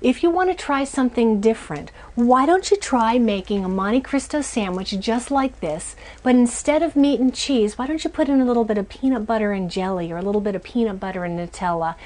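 A woman's voice: on the high side, lively intonation, fairly quick, few pauses, darkish tone. A woman in her forties hosting a cooking show from a small RV kitchen, chatty and upbeat as she walks through each step. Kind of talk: cooking demonstration.

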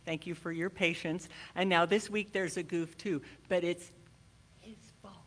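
A woman's voice: on the low side, fairly even intonation, a little slow. A woman from the congregation giving a chatty announcement, bubbly and often correcting herself. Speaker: church member giving an announcement. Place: church sanctuary.

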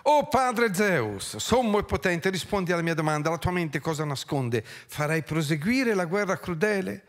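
A man voicing the goddess Athena on stage, declaiming slowly in a lofty, pleading tone. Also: sits high, lively intonation, long reverb tail, voice pushed up. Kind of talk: dramatic reading on stage.

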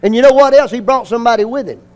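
A pastor, preaching a sermon, repeating phrases and calling on the congregation to answer. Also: male voice, very high-pitched, rapid-fire, darkish tone. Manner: call-and-response preaching with repetition and emphasis.

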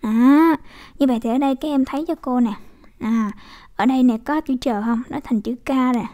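A female English teacher whose first language is Vietnamese casually explains pronunciation, repeating model words and checking in with her students. Her voice is high and mellow, at a moderate pace.

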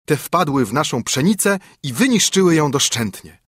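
A man voicing the carter's agitated wife in a storybook reading, high and urgent. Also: very animated, normal speed, fairly bright tone, slightly rough, no room sound, clean studio sound, exaggerated voice. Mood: alarmed.

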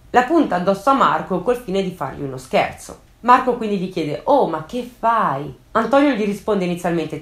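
Expressive woman telling a true-crime case. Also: mid-range voice. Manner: suspenseful storytelling, commenting on the case. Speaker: YouTube true-crime narrator. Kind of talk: dramatic true-crime narration. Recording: echoey room.

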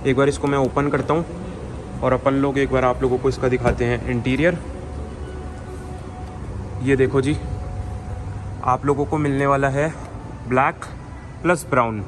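A man's voice: medium pitch, fairly even intonation, a little slow, long pauses. Chatty young man in a noisy showroom. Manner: chatty, addresses viewers directly with frequent filler words. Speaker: car reviewer. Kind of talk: casual car walkaround vlog. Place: indoor car showroom.

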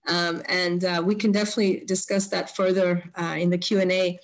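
A woman's voice: lowish voice, level tone, fairly quick. A woman presenting her book in an academic webinar over a video call, talking hesitantly with many fillers and restarts.

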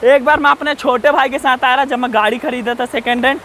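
A man with a strikingly high voice vlogs on a rocky hillside, talking straight to his viewers while he walks. He chats loosely and keeps warning about danger. A faint rush of falling water hisses behind him. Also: steady tone, sharp tone, poor audio. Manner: chatty, keeps addressing viewers, repeats safety warnings. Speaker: travel vlogger. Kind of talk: casual walking vlog. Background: faint rushing waterfall.

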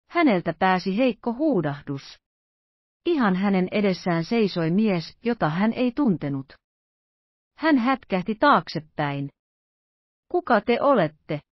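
Woman audiobook narrator, calm and even; dry, slightly dull recording. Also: medium pitch, no room sound. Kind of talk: scripted narration.

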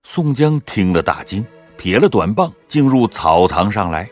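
A man narrating a classic story in a measured, expressive way. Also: fairly low pitch, soft background music.

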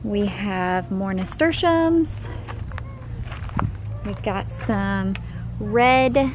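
A woman's voice: mid-range voice, expressive, extremely slow, over music, low-quality recording. Chatty woman touring her backyard garden. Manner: chatty and enthusiastic, pointing things out as she walks. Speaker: home gardener giving a garden tour. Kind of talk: casual garden tour vlog. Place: outdoor backyard vegetable garden. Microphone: handheld camera, filming while walking. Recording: outdoor camera audio with clear background noise.

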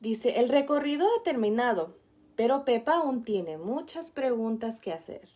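A woman teacher reads a picture book aloud to young children, explaining each page gently. Her voice sits a little high and sounds warm and mellow. She speaks very slowly and often stops to point things out. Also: lively intonation. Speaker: preschool teacher.

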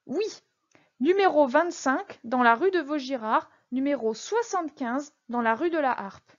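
Storybook role: a nervous, stammering shopkeeper, high and eager to please, voiced by a woman; muffled lo-fi sound. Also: expressive, a little slow. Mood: anxious. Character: timid, fawning middle-aged male shopkeeper, nervous prisoner.

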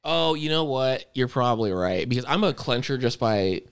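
A man co-hosting a podcast, telling stories in an animated, joking way and swearing casually. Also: mid-range voice, moderate pace, smooth. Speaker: podcast co-host. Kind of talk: casual chat.

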